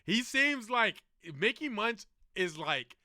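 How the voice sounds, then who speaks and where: A man's voice: sits high, very animated, takes it slowly, pushed and bright, no echo, clean studio sound. A young man streaming casual reaction commentary, joking and slangy, saying "bro" a lot.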